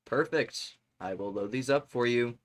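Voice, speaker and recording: A man's voice: fairly high pitch, sing-song, moderate pace, pushed and bright, pitched above the performer's own voice. A man putting on a stilted, overly polite store clerk voice as he greets customers. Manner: stiff, awkward, exaggeratedly courteous.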